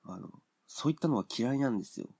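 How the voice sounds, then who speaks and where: A man hosting a casual solo podcast, speaking bluntly and opinionatedly with frequent fillers and pauses. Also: mid-range voice, lively intonation, gravelly, mellow, breathy edge. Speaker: podcast host.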